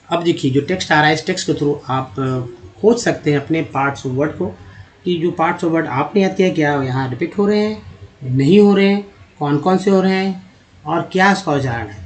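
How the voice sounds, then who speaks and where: A man gives a spoken lesson over slides, naming letters and then sounding them out part by part. His voice sits a little on the high side. He talks to his viewers as friends. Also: dull audio. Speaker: English reading teacher.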